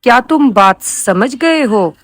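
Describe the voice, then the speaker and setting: A woman reading short example sentences aloud in a lesson, in a flat, even tone. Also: fairly high pitch, no room sound. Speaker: prompt reader.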